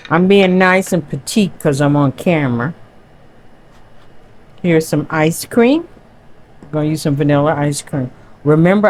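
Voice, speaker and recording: Woman, home cook, cooking demo, slow unhurried delivery, lower pitch, chatty and savoring. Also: darkish tone, a little hiss or hum, low-quality recording. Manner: chatty, savoring each step aloud. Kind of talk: cooking demonstration. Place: home kitchen.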